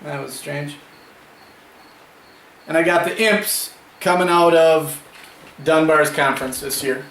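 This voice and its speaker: Young male co-host, teasing and sarcastic, fairly high voice, echoey room with faint noise. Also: fairly even intonation, slow pace, pauses often, fairly bright tone. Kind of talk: casual fantasy football chat.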